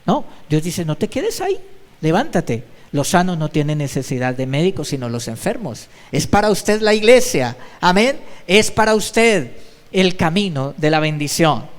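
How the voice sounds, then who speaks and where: A man's voice: a little high, lively intonation, normal speed, big-room sound. A male pastor giving an emphatic sermon, repeating his exhortations. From Colombia. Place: church.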